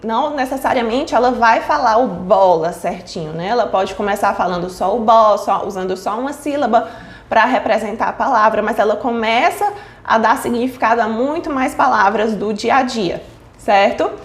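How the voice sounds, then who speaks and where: A woman's voice: on the high side, moderate pace, reverberant. A woman giving an explanatory online lesson on child speech development, often checking in with her listeners as she goes. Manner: frequent checking fillers like "certo?" and "tá?".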